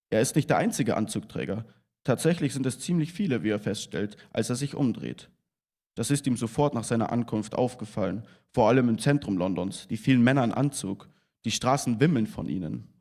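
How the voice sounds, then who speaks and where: Man calmly reading a novel aloud. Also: medium pitch. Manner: calm, measured narration. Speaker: reader of a novel's translation. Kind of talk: literary reading at a book premiere.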